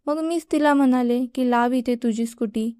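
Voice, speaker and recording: A woman's voice: on the high side, normal speed, mellow, smooth, dry recording, clean studio sound, lightly acted. A woman voicing a firm middle-aged mother. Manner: firm and matter-of-fact.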